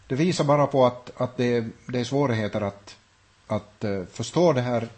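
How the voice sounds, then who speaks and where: A man gives an unscripted Bible lesson, pausing and restarting as he works through ideas. His voice is husky and sits in a middling register. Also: mid-range voice, darkish tone. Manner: thoughtful, with frequent restarts and hesitations. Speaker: Bible teacher. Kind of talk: unscripted Bible study talk.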